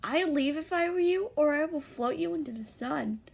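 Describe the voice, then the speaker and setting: Brief: spunky teen girl friend, high-pitched, protective, read by a woman. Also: expressive, a little slow, dark tone. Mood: caring. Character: cheerful brave teenage girl, protective friend.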